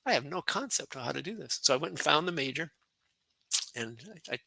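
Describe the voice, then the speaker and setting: Man in his 60s, retired colonel, podcast guest, bright forceful tone, dry close sound, animated storytelling. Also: fairly high pitch, fairly quick, creaky, no room sound, low-quality recording. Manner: animated anecdotes with laughs and acted-out quotes. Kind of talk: conversational war storytelling.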